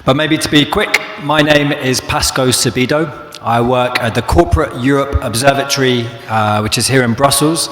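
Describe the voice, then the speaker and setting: A man from London with a London accent, moderating a live panel, talking quickly with fillers. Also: mid-range voice, fairly bright tone, soft background music. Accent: London English. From London, England. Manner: quick talker with frequent fillers. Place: large echoey hall. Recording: echoey hall with long reverb.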